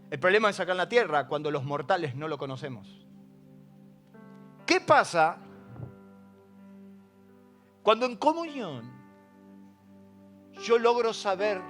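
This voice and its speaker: Argentine pastor guy preaching, high bright voice, goes quiet then shouts, middle-aged. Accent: Argentine Spanish. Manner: impassioned preaching, swinging between hushed lows and shouted peaks. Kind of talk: sermon. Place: church service.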